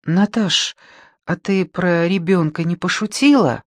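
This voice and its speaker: A troubled young man speaks hesitantly and remorsefully, as a male reader gives him a voice. The delivery is slow and subdued, recorded dry and close. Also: high-pitched, dry recording.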